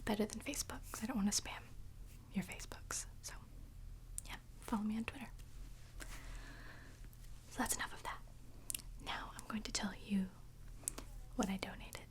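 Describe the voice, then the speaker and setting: A woman hosting an ASMR video, chatting to viewers in a soft, breathy whisper with hesitant pauses between short phrases. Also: mid-range voice.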